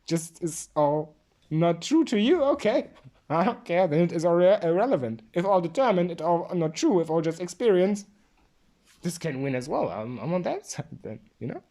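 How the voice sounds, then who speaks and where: A woman's voice: lowish voice, big pitch swings, moderate pace, dark tone. A woman giving a drunk, rambling philosophical monologue, emphatic and repeating herself.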